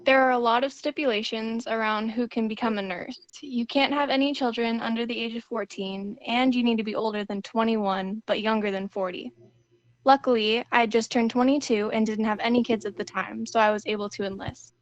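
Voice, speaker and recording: A woman's voice: fairly high pitch, steady tone, a little fast, dull audio, close to an everyday voice. A woman playing an earnest, dutiful young army nurse in a scripted 1940s war radio interview. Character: dutiful patriotic army nurse aged twenty-two.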